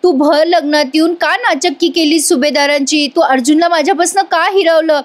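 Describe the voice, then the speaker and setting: A woman putting on a shrill scheming young woman. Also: fairly even intonation, moderate pace, dry recording, close to an everyday voice. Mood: taunting. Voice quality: high, sneering, sing-song taunts.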